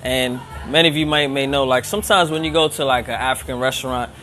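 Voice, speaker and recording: Filming on a handheld phone without a tripod, a relaxed host conducts a live-streamed interview in the upstairs lounge of a restaurant. He talks fast in a mid-range voice with fairly even intonation and a bright, forceful tone, keeping it loose, conversational and full of fillers.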